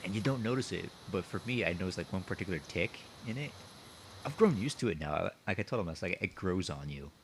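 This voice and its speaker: Deep-voiced teasing man, noisy line. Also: animated, fast talker. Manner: teasing, playful, counts down jokingly. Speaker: podcast host. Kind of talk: casual group chat over voice call.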